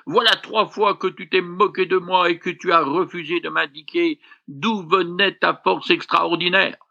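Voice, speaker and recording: A man voicing a proud strong man who answers in a steady, declaring tone. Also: sits high, moderate pace, vocal fry, lo-fi sound, pitched above the performer's own voice, full character voice. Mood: reproachful.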